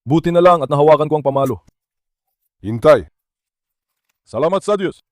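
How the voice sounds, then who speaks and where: A man's voice: on the high side, lively intonation, moderate pace, no echo, studio quality. A man narrating a casual vlog as he handles his dogs, coaxing and scolding them between asides to viewers. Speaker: dog owner vlogger.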